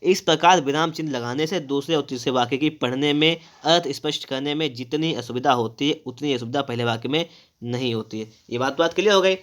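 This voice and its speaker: A man's voice: medium pitch, fairly quick, fairly bright tone. A man teaching a grammar lesson for exams, explaining step by step and asking and answering his own questions. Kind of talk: exam-prep grammar lesson.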